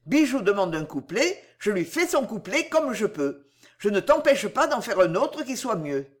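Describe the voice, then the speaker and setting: A woman's voice: medium pitch, sing-song, moderate pace, lightly acted. A woman voicing a sarcastic teasing young man. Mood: mock-weary irritated. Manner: mock-weary, sarcastic. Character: teasing young man, quick-witted and touchy.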